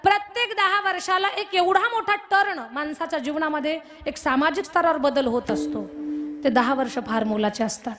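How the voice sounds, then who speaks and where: A woman's voice: high-pitched, moderate pace, fairly bright tone. A woman giving a humorous devotional kirtan sermon, telling jokey stories and drawing out chanted verse lines. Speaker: kirtan preacher.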